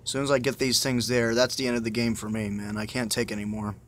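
This man talks fast in a level, mid-range voice, muttering his way through a horror game in casual let's-play style. Exasperation and frequent swearing run throughout. The clip is a noisy, amateur phone screen capture.

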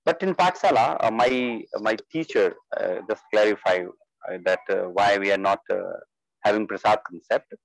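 Guy teaching a study group, halting w lots of uhs, dry sound. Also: fairly low pitch, creaky, no room sound, low-quality recording. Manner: halting, many fillers, asks the group questions. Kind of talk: religious study class talk.

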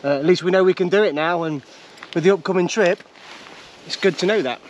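A man's voice: sits high, a little fast, highs cut off, slight background noise. A man, chatting casually as a vlog co-host. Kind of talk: casual chat. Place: garage, restaurant, car and outdoor trail. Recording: music behind the voice.

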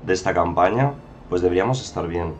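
A man's voice: low-pitched, quick pace, a little hiss or hum. A man giving chatty, casual commentary over a strategy game, often exclaiming and talking to viewers. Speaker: gameplay commentator.

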